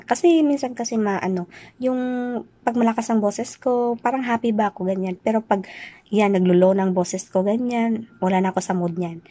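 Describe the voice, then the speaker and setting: A young woman from the Philippines, a nurse working abroad, chatting loudly and teasingly as she answers questions in a casual vlog. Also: medium pitch, no room sound. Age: young adult. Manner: loud, chatty, teasing, jokes then says she's kidding. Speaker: vlogger, overseas dental nurse.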